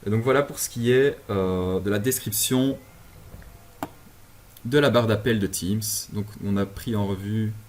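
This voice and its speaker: A man from Belgium giving a relaxed software tutorial from his apartment over a video call, with many fillers and restarts. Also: fairly low pitch, unhurried, slight background noise. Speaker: instructor. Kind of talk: screen-share software tutorial. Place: home apartment.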